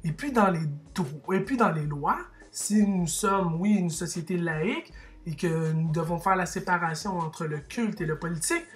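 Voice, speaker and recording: A man's voice: high voice, moderate pace, soft background music. A man with a Québécois French accent delivering an impassioned opinion monologue, emphatic and rhetorical, with frequent restarts. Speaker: vlogger.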